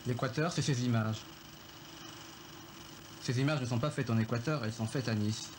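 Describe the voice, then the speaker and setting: Guy slowly recalling his family, lots of pauses, hissy film audio. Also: mid-range voice. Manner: reflective, halting, many pauses with "euh". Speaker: filmmaker recounting his family. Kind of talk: film voice-over interview.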